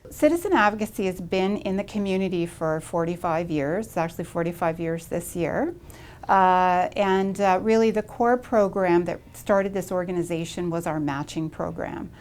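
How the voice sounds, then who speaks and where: A woman's voice: fairly low pitch, normal speed, darkish tone. A middle-aged woman explaining her organization in an interview, earnest and with fillers, in an office. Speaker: executive director. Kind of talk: interview answers. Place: office indoors.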